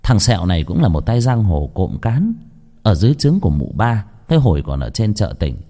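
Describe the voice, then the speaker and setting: A man narrating a horror story in lively, colloquial storytelling. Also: on the low side, fairly quick.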